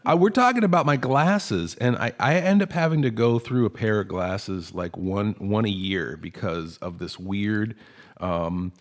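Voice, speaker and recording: A man's voice: lowish voice, expressive, unhurried. A man hosting a comedy podcast, chatting casually and rambling, often stammering and restarting his sentences. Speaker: podcast host.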